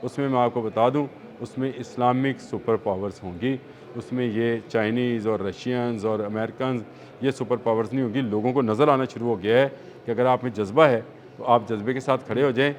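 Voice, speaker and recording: A man's voice: medium pitch, steady tone, moderate pace. A man with a Pakistani Urdu accent giving emphatic, repetitive news analysis in a studio discussion, with hesitant fillers.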